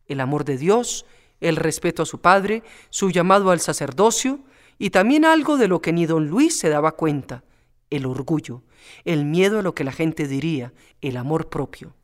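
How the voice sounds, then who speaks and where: A man reading a storybook aloud in a measured, calm way. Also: fairly high pitch. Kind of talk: storybook narration.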